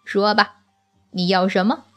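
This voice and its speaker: A woman's voice: medium pitch, flat delivery, measured pace, fairly bright tone, soft background music, lightly acted. A woman voicing a ruthless, greedy old emperor in a children's storybook, with a haughty, bullying manner. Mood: gloating. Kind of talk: storybook character voice.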